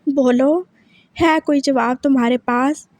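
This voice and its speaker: A woman plays a possessive young husband who keeps firing questions and won't let up. The voice sits high and bright, and the recording is dry and close with no room sound. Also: steady tone, takes it slowly, no room sound. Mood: taunting. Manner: pressing, repeats questions. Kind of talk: dramatic story reading.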